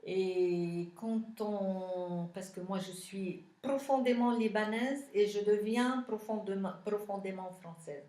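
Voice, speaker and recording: A woman from Lebanon with a Lebanese accent, answering interview questions as a city councillor, thoughtful and pausing often. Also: mid-range voice, a little mellow, echoey room. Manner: thoughtful, many pauses and hesitations.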